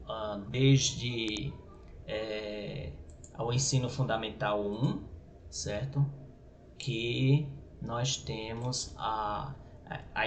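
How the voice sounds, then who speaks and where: A male teacher with a Brazilian Portuguese accent giving a grammar lesson, halting and repeating words, often checking with his listeners. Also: medium pitch. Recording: echoey room with faint noise.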